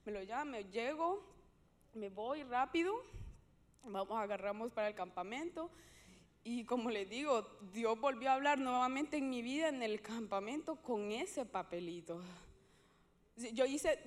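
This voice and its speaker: A woman giving a personal faith testimony in an earnest, halting way, often restarting her sentences. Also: a little high, animated.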